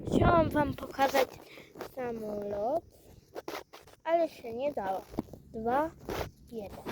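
A woman's voice: sits high, lively intonation, takes it slowly, heavy background noise. A woman playing with toys, praying aloud, singing and calling out to them in a playful, sing-song, coaxing way. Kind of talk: playful play-acting with toys.

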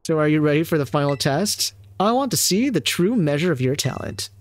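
A man's voice: a little high, expressive, brisk, no echo, lightly acted. A man reading a formal female league champion's lines aloud, with only a faint hint of a put-on Spanish accent. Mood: formal, gracious. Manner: reads the text aloud in a formal tone, hinting at a weak Spanish accent.

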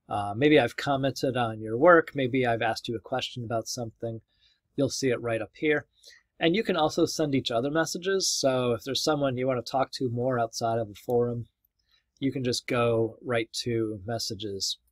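A man who is slightly losing his voice, talking students through an online course in a relaxed, casual way, with many ums and small restarts. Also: mid-range voice, no room sound. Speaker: course instructor. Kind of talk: casual recorded course walkthrough.

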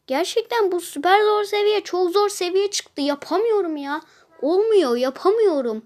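A woman's voice: very high-pitched, moderate pace, a little mellow. A woman chatting casually while playing a mobile puzzle game, complaining about hard levels and humming to herself. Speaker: gameplay streamer. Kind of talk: casual gameplay commentary.

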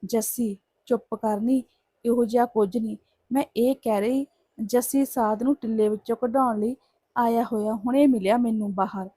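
A woman voicing an aunt who talks to her niece in a hushed, hurrying way at night. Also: fairly high pitch, steady tone, normal speed, no room sound, natural voice.

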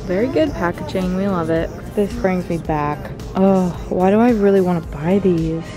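A woman's voice: on the low side, normal speed, music in the background. A young woman in her twenties filming a casual shopping vlog in a large store, chatty and upbeat. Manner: chatty, upbeat, laughs often. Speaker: vlogger. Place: large retail store, indoors.

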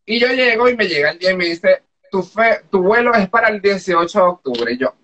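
A woman from Venezuela with a Venezuelan accent, telling her own story in casual chat, animated, laughing often and acting out the dialogue. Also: mid-range voice, a little fast, lo-fi sound. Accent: Venezuelan Spanish.

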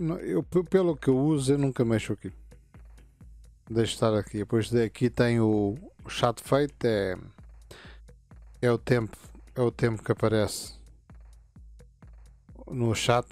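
A man's voice: mid-range voice, darkish tone. A man, casually walking viewers through settings in a screen-recorded tutorial, meandering and restarting his sentences. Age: 50s. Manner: meandering, halting explanations with frequent restarts. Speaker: gaming channel host.

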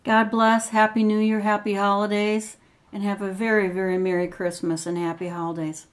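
A woman's voice: medium pitch, level tone, normal speed. An older woman, a retired x-ray tech, speaking in a personal video with an earnest, rambling manner, nervous at times. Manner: earnest, rambling, grievance-driven.

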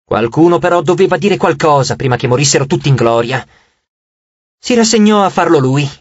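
A man narrating an audiobook chapter with expressive storytelling. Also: a little high, a little fast, no echo, lo-fi sound. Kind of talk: scripted narration.

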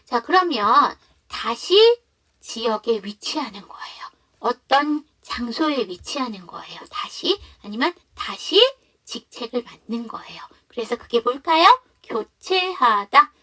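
A woman teaching an online English lesson who explains patiently and reads example sentences slowly. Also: a little high, sing-song, sharp tone, slightly rough.

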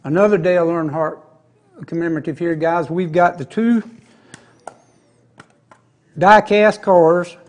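In an indoor studio, a man hosting a TV shopping show talks up products with folksy, chatty salesman banter, recorded on a lapel mic. His voice is high and steady, a little slow with long pauses, and darkish in tone.

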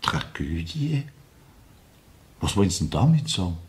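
In a crime radio drama, an actor plays a composed, sceptical police inspector with a Viennese Austrian accent, questioning with measured authority. His voice is low, darkish in tone and very animated.

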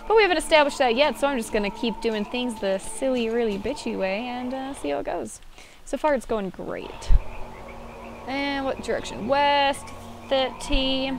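A woman giving casual, playful commentary on her own gameplay, swearing often and slipping into a sing-song voice. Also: on the high side. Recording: loud game noise behind.

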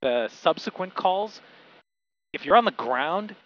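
A man's voice: sits high, expressive, unhurried, a bit bright. Male pilot instructor on a muffled cockpit headset. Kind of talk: explanatory cockpit lesson with radio calls. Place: small airplane cockpit. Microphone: aviation headset. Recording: dull aircraft intercom, engine noise.

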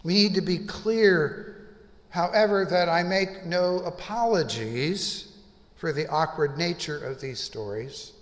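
Slow, measured older preaching man. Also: on the high side. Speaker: pastor. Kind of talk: sermon. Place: church sanctuary, at a pulpit. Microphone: pulpit microphone. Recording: reverberant church hall.

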